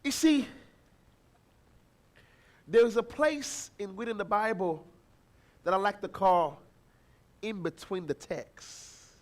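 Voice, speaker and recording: A man preaching a sermon as pastor, telling a family story and acting out the people in it, with bursts of shouting. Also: sits high, slow pace, pauses often. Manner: animated, acts out voices, shouts encouragement.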